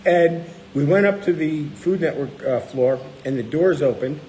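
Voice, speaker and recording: A man's voice: a little high, normal speed, slight background noise, low-quality recording. A middle-aged man hosting a casual chat, telling stories and acting out the people he quotes. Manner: animated, acts out quoted people. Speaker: cookbook author and channel host.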